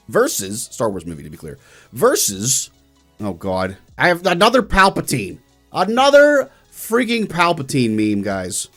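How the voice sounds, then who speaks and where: Guy co-hosting a game show, pitch jumps all over, kinda high, animated chatty, faint music behind. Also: a little slow. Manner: animated, addresses viewers as guys. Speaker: co-host of a gaming show. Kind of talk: casual chat.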